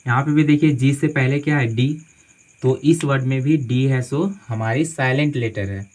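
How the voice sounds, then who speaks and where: A man's voice: mid-range voice, normal speed, a little mellow, poor audio. A man teaching English spelling rules in a classroom-style lesson, spelling words out letter by letter and repeating each phrase with a "theek hai" check after most points.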